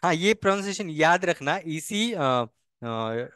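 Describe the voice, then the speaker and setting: A man's voice: a little high, sing-song, measured pace, a bit bright, no room sound, clean studio sound. A man teaching a beginner language class, patiently repeating each vowel sound and key point. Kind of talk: online language lesson.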